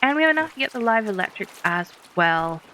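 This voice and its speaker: A woman's voice: a little high, very animated, fast, background noise. A woman hosting a let's play, giving casual commentary that is chatty and giggly as she thinks aloud through her game.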